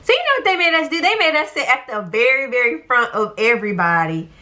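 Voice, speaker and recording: A young woman telling a story casually, chatty and animated, full of fillers. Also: a little high, fast talker. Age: young adult.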